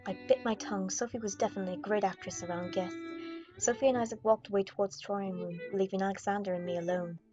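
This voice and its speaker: Speaking fast in a steady, medium-pitched voice, a young woman who makes gaming videos dramatically narrates a visual novel. Game music sits behind her in the dull-sounding recording.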